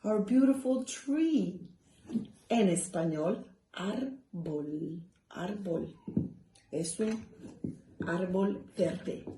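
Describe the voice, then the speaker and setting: A woman teaching a bilingual children's lesson, drawing words out slowly for little ones to repeat, with playful gasps of surprise. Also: mid-range voice, animated, echoey room, slight background noise, poor audio. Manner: slow, gently drawn-out words for children to repeat.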